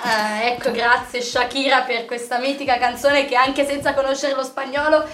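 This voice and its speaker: A woman hosting a casual chat, talking in a chatty way and often ending points with quick tag questions. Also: sits high, fairly even intonation, echoey room, loud music behind the voice.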